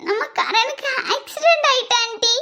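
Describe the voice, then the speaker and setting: A frightened teenage girl, voiced by a woman, pleads down the phone in a cartoon. Her voice is very high and shakes as she speaks. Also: normal speed, bright, forceful tone. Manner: trembling, pleading. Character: scared teenage girl calling her aunt. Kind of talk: cartoon voice acting.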